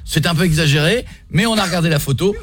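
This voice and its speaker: A man's voice: on the high side, fairly bright tone. A man hosting a radio show, joking and mocking his way through the day's stories and listener plugs. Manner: jokey, mocking, quick to riff. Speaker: radio host. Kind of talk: morning radio banter.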